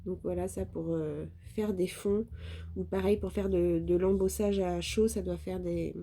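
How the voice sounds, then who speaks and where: Mellow-voiced French woman, hesitant and chatty. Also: lowish voice, steady tone, unhurried. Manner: hesitant, many "euh" fillers, stumbling over words. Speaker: craft vlogger. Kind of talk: casual show-and-tell haul.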